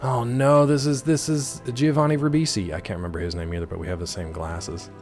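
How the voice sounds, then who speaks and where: A man's voice: mid-range voice, little pitch movement, brisk, darkish tone, faint music behind. A man giving casual, rambling gameplay commentary, joking playfully as he chats with his viewers. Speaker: game streamer.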